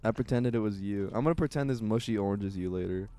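A man's voice: on the low side, fast, warm tone. A young man in casual gaming banter, joking and teasing while talking to the chat. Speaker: streamer's co-op partner.

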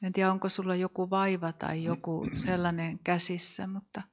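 A woman leading a spoken prayer and sharing a prophetic word, soft and hesitant, with fillers. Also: fairly low pitch, little pitch movement. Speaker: prayer leader.

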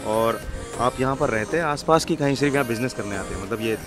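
A young man hosting a casual street food vlog outdoors, asking quick questions and praising the food with enthusiasm. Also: mid-range voice, music in the background. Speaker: food vlogger host. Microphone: handheld lapel mic.

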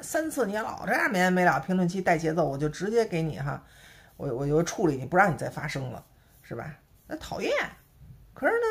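A woman with a Beijing accent chatting casually to camera as a vlogger, peppering her talk with rhetorical tag questions. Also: lowish voice. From Beijing, China.

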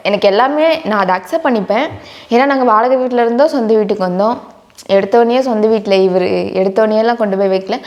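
A woman talks softly and reflectively in a casual family vlog. Her voice sits a little higher than most. She speaks from indoors at home. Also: fast talker, muffled recording. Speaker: family vlogger, co-host.

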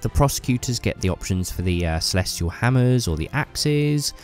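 Over soft background music, a YouTuber with a mid-range, animated voice talks at a moderate pace. He has a cold and sounds a bit bunged up, rambling casually and enthusiastically to his viewers with plenty of fillers in a hobby vlog.

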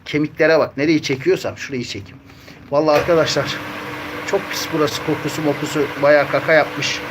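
A man's voice: fairly high pitch, fairly even intonation, a little fast, background noise. A young man chatting casually on a live stream, reading viewer comments aloud and cooing at his cats at home.

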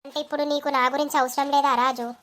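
A woman's voice: high voice, flat delivery, quick pace, a bit bright. A woman voicing a tearful, defensive village woman with a Telangana accent. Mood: hurt. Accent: Telangana Telugu. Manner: defensive, wounded. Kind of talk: animated village comedy dialogue.

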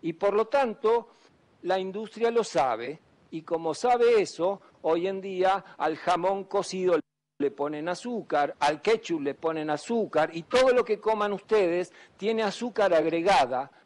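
A man's voice: high-pitched, lively intonation, unhurried, darkish tone. A man, a doctor giving an emphatic public talk to students and often asking them questions. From Argentina. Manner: asks the audience questions, emphatic.

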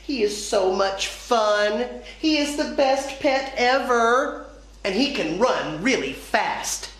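An eager, earnest little girl from a storybook, read by a woman, speaking in a slow and unhurried way. The voice sits fairly high and rings in an echoey room. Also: animated. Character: eager young schoolgirl who brought her gecko.

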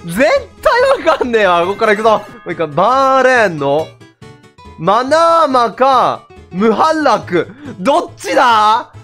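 Excitable male game streamer, very high voice, bouncy delivery, background music under him. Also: measured pace. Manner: excitable, laughing, talks to himself. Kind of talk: casual gameplay commentary.

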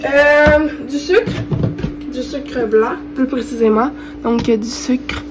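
Suffering from a cold, a young woman with a Quebec French accent records an informal, hesitant cooking tutorial for her vlog in her home kitchen. Her congested voice is high and she takes it slowly, with clear background noise in the recording.

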